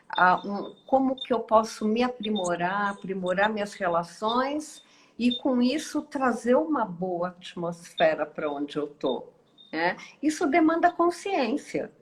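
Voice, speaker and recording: Lady hosting a live chat, talks real slow, thinks out loud, lots of "right?". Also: medium pitch, slight background noise, rough recording. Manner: slow, musing, many hesitations and tag questions. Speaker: host. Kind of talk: reflective live online talk.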